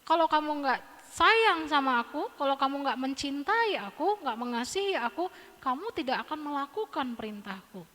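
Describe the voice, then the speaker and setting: Lady preacher, high bright voice, lively and joking, church echo. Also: moderate pace. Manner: animated, humorous, acts out voices. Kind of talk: sermon. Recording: church hall reverb.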